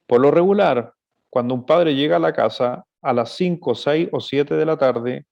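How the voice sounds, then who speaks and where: A man's voice: mid-range voice, gravelly, darkish tone. A man giving a sermon-style talk to parents, earnest and explanatory, often asking rhetorical questions, in a dull lo-fi recording.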